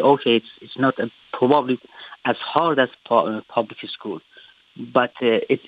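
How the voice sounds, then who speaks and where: A man speaks over a thin, phone-like landline connection that strips the depth from his voice. He sits at an ordinary middle pitch and answers in a halting way, breaking off and restarting his sentences as he defends his school. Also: no echo. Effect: heard over a phone line. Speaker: private school representative. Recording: tinny landline phone call.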